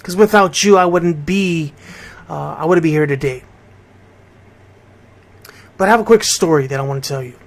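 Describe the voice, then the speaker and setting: Pausing often at normal speed, a middle-aged man from Bridgeport, Connecticut hosts a radio show in a fairly high voice. As a DJ, he keeps it conversational and speaks directly to those tuning in.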